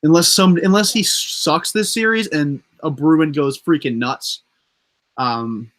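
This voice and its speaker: A young man hosting a casual sports podcast, excitable and talking in bursts of emphasis. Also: on the high side, a little slow. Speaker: podcast host.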